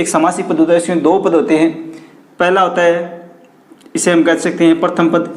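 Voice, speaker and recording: A male teacher giving an online grammar lesson, repeating key terms as questions to the class and dropping his pitch on each stressed term. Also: a little mellow, echoey room. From India.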